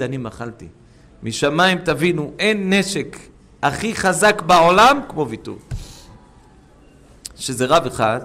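Dramatic male preacher, fairly high voice. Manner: dramatic, swings between loud urging and hushed asides; addresses the listeners as friends. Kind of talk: sermon with stories.

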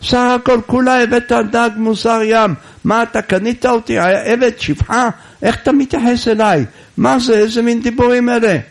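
A man voicing an angry middle-aged wife, shouting indignant insults at her husband in a high, strained voice. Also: fairly even intonation, hardly any pauses. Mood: furious.

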